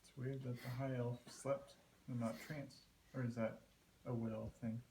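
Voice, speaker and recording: A man's voice: medium pitch, flat delivery, normal speed, roomy sound. A man chatting and bantering casually as a player in a tabletop game. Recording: clear background noise.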